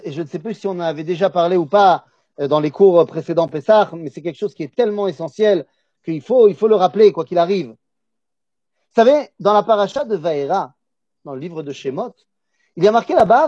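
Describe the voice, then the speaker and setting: High-voiced man teaching with a Polish accent. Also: warm tone, no echo. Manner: emphatic, repeats key words, asks and answers his own questions. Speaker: Torah teacher. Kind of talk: religious lesson. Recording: dull, dry lo-fi recording.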